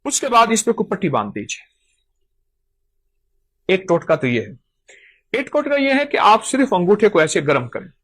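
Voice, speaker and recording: A man's voice: high-pitched, fairly bright tone. A man giving an emphatic talk on folk remedies, repeating phrases for stress. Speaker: host.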